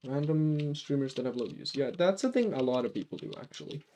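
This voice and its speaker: Rambling streamer man with a mellow voice. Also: medium pitch, lively intonation, fairly quick, a little hiss or hum. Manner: rambling, self-correcting, answers chat. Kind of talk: casual live-stream chat.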